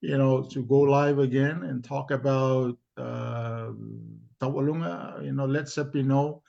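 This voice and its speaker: A man with a Tongan accent speaking informally on a community live discussion in a halting, deliberate, repetitive way. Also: mid-range voice, fairly even intonation, gravelly, mellow. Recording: dull lo-fi stream audio.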